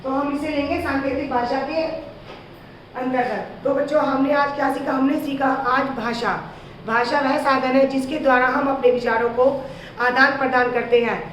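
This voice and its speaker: A woman teacher giving a slow, patient grammar lesson to young children, asking them questions as she explains. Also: high voice, steady tone, fairly bright tone, slight background noise. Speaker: school teacher. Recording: echoey, distant, dull lo-fi sound.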